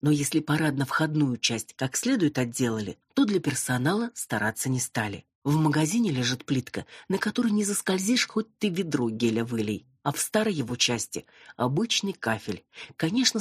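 A woman reading an audiobook narration in an even, wry storytelling manner. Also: very deep voice, normal speed, husky, no echo, studio quality. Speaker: audiobook reader.

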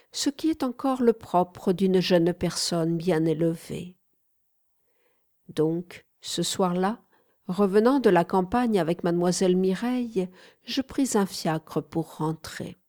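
A woman narrating an audiobook in a measured, clear reading voice. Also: mid-range voice, a little mellow.

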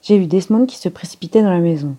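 A woman voicing an alarmed woman of the house, out of breath and firing off rushed questions. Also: fairly low pitch, dark tone, lightly acted.

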